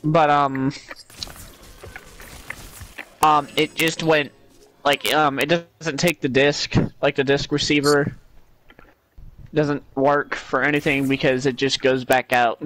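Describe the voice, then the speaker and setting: A man's voice: a little high, flat delivery, slow pace, pauses often, fairly bright tone, soft background music. A man chatting casually with a friend while they play a game, giggly and rambling with lots of fillers. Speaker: co-player. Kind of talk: casual game chat on a call.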